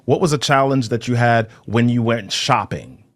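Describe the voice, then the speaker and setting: A man who grew up in Jamaica, a guest on a podcast, explaining his ideas in a brisk, animated way with plenty of examples. His voice sits at an ordinary pitch for a man, recorded close and dry with no room sound. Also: no room sound. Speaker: podcast guest, storytelling speaker. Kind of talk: conversational interview.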